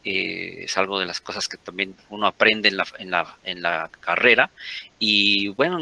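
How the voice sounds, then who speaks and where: A Mexican man in his forties, a guest in a conversational interview, rambles and often corrects himself mid-sentence. His voice is lowish, bright and forceful.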